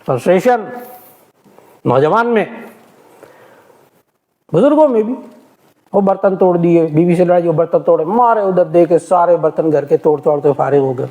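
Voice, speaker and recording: A man, a religious scholar, gives a lecture on scripture, repeating key points and swinging from loud emphasis to hushed remarks. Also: fairly high pitch.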